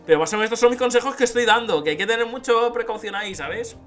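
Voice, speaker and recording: A man on YouTube gives relaxed tips for writing dialogue, frequently adding "¿vale?". He speaks very fast in a high-pitched voice, with soft music playing behind him.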